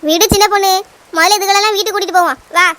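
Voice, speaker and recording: A woman's voice: extremely high pitch, fairly even intonation, bright, forceful tone. A woman voicing a strict, scolding mother in a cartoon, speaking with a Kanyakumari Tamil accent. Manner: scolding, rapid. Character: scolding village mother Chinnaponnu, anxious and strict. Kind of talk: cartoon voice acting.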